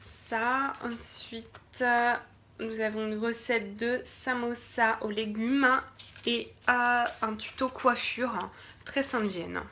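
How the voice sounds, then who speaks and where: Slow, bright-voiced French woman unboxing. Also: fairly high pitch, steady tone, slight background noise. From France. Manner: hesitant, many fillers and restarts; drops to a murmur while checking products. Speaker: beauty box reviewer. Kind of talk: casual unboxing video.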